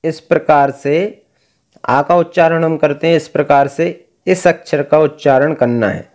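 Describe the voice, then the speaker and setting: A man teaching Vedic recitation, explaining pronunciation and chanting verses in slow, drawn-out tones. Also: fairly high pitch, steady tone, a little mellow. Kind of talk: recitation lesson.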